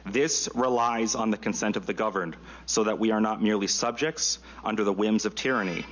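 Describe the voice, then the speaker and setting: A man reading a prepared statement at a public hearing in a formal, deliberate manner. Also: lowish voice, fairly bright tone. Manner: formal, deliberate, read-out rhetoric. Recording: dull lo-fi hearing room audio.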